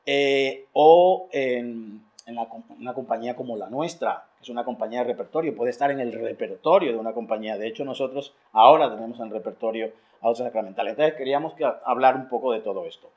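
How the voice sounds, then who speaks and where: A man moderating a panel discussion at a middle pitch. He speaks hesitantly, with frequent fillers and restarts. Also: brisk, a little mellow.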